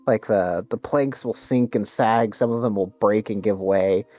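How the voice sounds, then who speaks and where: A man's voice: lowish voice, unhurried, warm tone, highs cut off. A man narrating a tabletop game as game master, hesitant, with many fillers and restarts.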